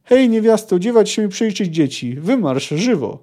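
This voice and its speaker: A man reading aloud and voicing a gruff, bossy male dwarf leader who shouts commands and curses. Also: sits high, very animated, moderate pace, voice pushed up. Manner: loud, cursing commands.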